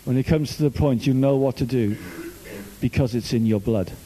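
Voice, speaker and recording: Here an older youth minister from Wales gives a casual sermon, telling jokey stories in a chatty style. He speaks at a normal speed in a mellow, mid-range voice.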